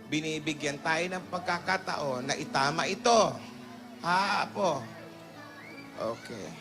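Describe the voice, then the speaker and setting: A man's voice: on the high side, slow. A man playing a doting, sentimental elderly grandmother in a comedic TV skit, sweetly pleading and mixing in broken English. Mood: coaxing. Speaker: comedian in a live TV segment. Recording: music playing behind.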